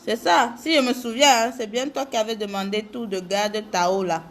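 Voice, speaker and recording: A woman's voice: on the high side, fairly even intonation, moderate pace. A woman chatting casually with viewers during a live makeup tutorial, greeting them by name.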